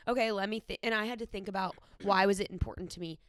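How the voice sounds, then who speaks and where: A woman chatting casually as a co-host, retelling conversations in an animated way with quoted lines and lots of filler "like". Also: medium pitch, fast, dry recording, clean studio sound. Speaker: podcast or vlog co-host. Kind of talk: casual chat about their own wedding.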